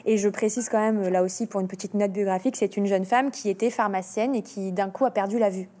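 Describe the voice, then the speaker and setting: A woman guest in an interview speaks with a mellow, warm voice at a middle pitch. She is animated but hesitant and often restarts her sentences mid-thought. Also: a little fast. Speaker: author and illustrator guest. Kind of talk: interview talk.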